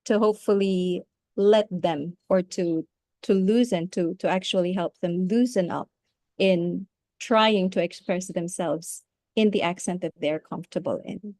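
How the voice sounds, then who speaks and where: A woman's voice: lowish voice, a little mellow, no echo, clean studio sound. A middle-aged woman from the Philippines with a Philippine English accent, a teacher giving a talk with many restarts. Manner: halting, with many restarts and fillers. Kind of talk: webinar talk.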